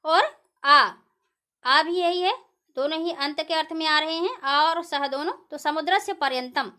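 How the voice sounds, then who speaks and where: High bright-voiced woman teaching grammar. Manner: patient, repeats each example slowly. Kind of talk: classroom-style lesson explaining grammar.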